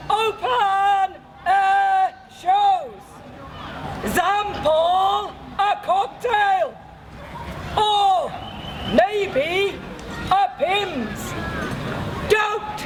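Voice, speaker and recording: A man crying out a town crier's proclamation in loud, drawn-out bursts of a few words. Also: extremely high pitch. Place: outdoors in a town. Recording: noisy outdoor recording with crowd.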